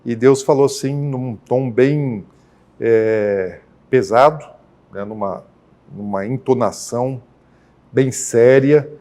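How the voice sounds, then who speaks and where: A man from Brazil, a senior pastor, recounts a deeply personal faith experience as a podcast guest. He speaks in a mid-range voice, earnest and unhurried. He keeps checking in with his listener through small tag questions. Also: warm tone. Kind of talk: conversational faith testimony.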